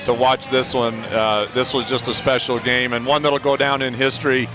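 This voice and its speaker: A man's voice: mid-range voice, normal speed, music in the background. A man doing color commentary after a basketball game, out of breath, talking in long rambling sentences full of "you know". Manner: rambling, many you-knows, excited. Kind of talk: postgame sports commentary.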